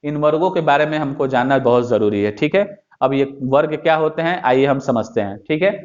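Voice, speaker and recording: A man's voice: medium pitch, fairly quick. A man teaching a lesson in a classroom style, asking questions and then answering them himself. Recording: dull lo-fi sound.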